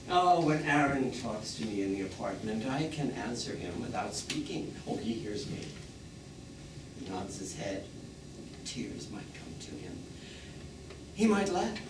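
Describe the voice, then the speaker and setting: In a live stage play, an actor voicing a proud, wistful old dead man addresses the audience with a deliberate, theatrical, philosophical monologue in a lowish voice. The clip was captured from the seats of a small theatre, so it sounds far off, echoey and noisy.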